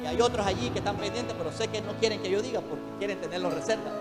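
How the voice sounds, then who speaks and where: A man with a high voice preaches a fervent sermon as pastor, calling out to his congregation. His voice rings through a church with a long, trailing reverb. Soft music plays faintly beneath him. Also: very fast.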